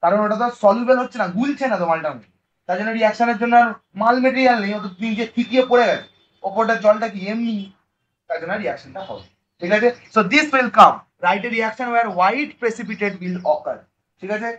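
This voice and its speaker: A man teaching chemistry in a classroom lecture, lively and coaxing, often checking that the students follow. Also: high voice, fairly quick, highs cut off.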